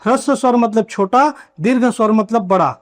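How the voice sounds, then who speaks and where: A man teaching a grammar lesson at a board, asking questions and answering them himself, and drawing out key terms slowly. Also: very high voice. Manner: asks and answers his own questions. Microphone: writing on a board while teaching.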